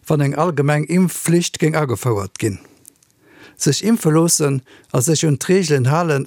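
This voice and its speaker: A man, a biologist reading out a personal statement in an earnest, measured way. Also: fairly high pitch, darkish tone, no room sound, studio quality. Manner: earnest, measured, with non-native word order. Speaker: biologist giving an opinion.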